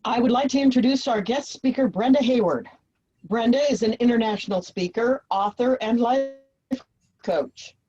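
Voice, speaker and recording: Higher-voiced woman on dull call audio. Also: normal speed, warm tone, slightly rough. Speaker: workshop participant. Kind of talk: rehearsed introduction and casual asides. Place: video call.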